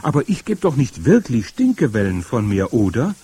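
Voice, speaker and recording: A man reading aloud and voicing an anxious, indignant young child with a husky voice. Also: moderate pace, full character voice. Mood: curious, worried. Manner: high, excited, pleading. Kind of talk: audiobook reading.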